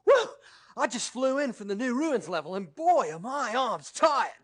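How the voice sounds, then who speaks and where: A woman's voice: fairly high pitch, sing-song, moderate pace. A woman voicing a boastful, goofy male bandicoot hero who keeps whooping and wisecracking. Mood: hyped boastful.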